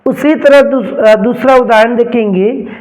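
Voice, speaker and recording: A man's voice: very high voice, a little slow, a little mellow, rough recording. A man teaching a grammar lesson, repeating each term and asking and answering his own questions.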